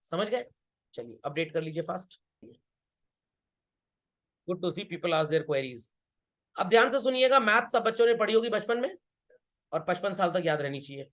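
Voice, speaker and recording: A man's voice: sits high, very animated, moderate pace, pauses often, fairly bright tone. A man teaching an accountancy lesson, who keeps asking his students whether they have understood and repeats his key points. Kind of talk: classroom lecture.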